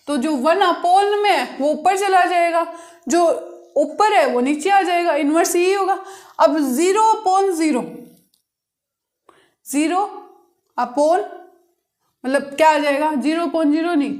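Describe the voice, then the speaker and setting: A woman's voice: sits high, lively intonation, unhurried, pauses often, darkish tone. A woman maths teacher explaining a lesson step by step, asking the class questions and answering them herself. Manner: patient, repetitive step-by-step explaining. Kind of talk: blackboard-style maths lesson.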